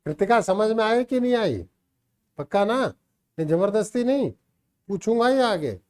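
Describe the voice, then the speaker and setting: A man's voice: high-pitched, lively intonation, measured pace, darkish tone. A man teaching a math class, coaxing and teasing students by name to check they understand. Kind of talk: classroom teaching, mixing Hindi and English. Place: classroom with online students joining.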